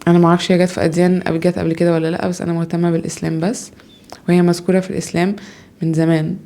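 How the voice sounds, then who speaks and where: A young Egyptian woman talks at a rapid clip in a rambling, self-doubting monologue at home. Her voice sits low and mellow and barely rises or falls. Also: flat delivery. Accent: Egyptian Arabic. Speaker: podcaster, mother. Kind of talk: casual personal monologue.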